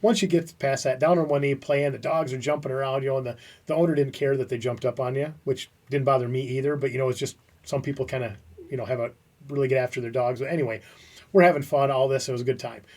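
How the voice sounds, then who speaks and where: A man co-hosting a podcast, telling lively stories in a casual chat. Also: mid-range voice, fast talker, distant mic. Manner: animated storyteller who acts out quotes.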